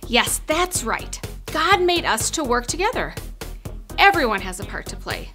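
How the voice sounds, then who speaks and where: A woman's voice: on the high side, sing-song, moderate pace, sharp tone, faint music behind. A woman hosting a kids' church lesson, cheerful and talking straight to the children. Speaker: children's ministry host.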